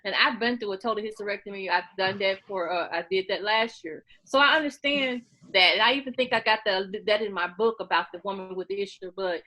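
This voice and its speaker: As an interview guest in casual conversation, a woman in her late forties speaks earnestly and somewhat preachily, repeating points in a naturally loud voice. Her pitch is medium, she talks fast with few pauses, and the recording is rough.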